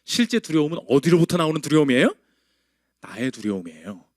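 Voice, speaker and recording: A man's voice: a little high, sing-song, fast, no echo, studio quality. A male pastor preaching a sermon in a conversational way, firing rhetorical questions at his congregation.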